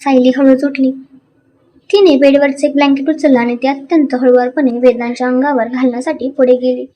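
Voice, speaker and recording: A woman narrating a dramatic story in an expressive, animated way. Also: high-pitched, fairly quick, slight background noise.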